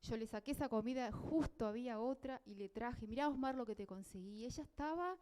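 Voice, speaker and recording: A woman's voice: on the high side, a little fast, warm tone, smooth. A woman with a Uruguayan accent giving a heartfelt spoken testimony at a church meeting, telling her story and acting out the dialogue. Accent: Uruguayan Spanish.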